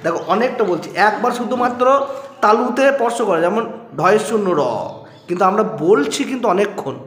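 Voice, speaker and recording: A man's voice: sits high, fast, fairly bright tone. A man teaching a recorded grammar lesson, patiently explaining step by step and sounding out single letters for his students. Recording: echoey room with long reverb and faint music.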